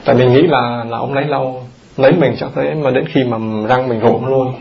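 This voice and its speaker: Gravelly monk giving an animated sermon. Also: male voice, medium pitch, brisk, dull audio. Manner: animated, questions the audience often. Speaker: Buddhist monk teaching. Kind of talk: dharma talk sermon. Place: temple hall.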